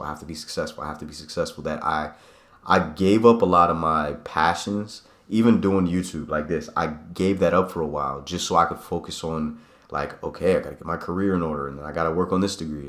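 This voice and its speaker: A man's voice: very deep voice, a bit bright. A man in his late twenties talking casually to camera in a vlog, reflective and rambling, often restarting his sentences. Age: 20s. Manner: rambling, self-correcting, reflective. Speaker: vlogger. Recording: echoey room.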